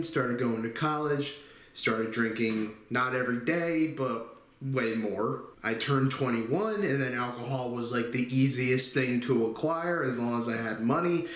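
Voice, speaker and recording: A man in his twenties talking candidly in a personal vlog, halting often with fillers. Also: medium pitch. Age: 20s. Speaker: channel host. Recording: echoey room.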